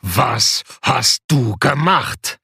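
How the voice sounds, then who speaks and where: A man voicing a hulking, menacing giant of a thug who speaks slowly and threateningly. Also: medium pitch, expressive, gravelly, pushed and bright, slightly rough, dry recording, clean studio sound, heavily acted. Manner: slow, threatening.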